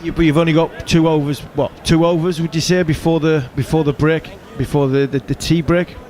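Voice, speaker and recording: A man's voice: fairly high pitch, level tone, darkish tone. Pundit, male, mid voice, hesitant thinking-aloud delivery, faint noise behind. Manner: halting, many restarts and fillers. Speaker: cricket pundit. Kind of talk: casual analysis.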